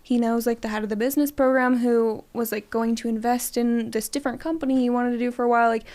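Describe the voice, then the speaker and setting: Bright-voiced woman guest, easy laugh. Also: fairly high pitch, fairly even intonation. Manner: friendly, laughs easily, quick chiming-in remarks. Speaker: marketing executive, podcast guest. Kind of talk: casual interview chat.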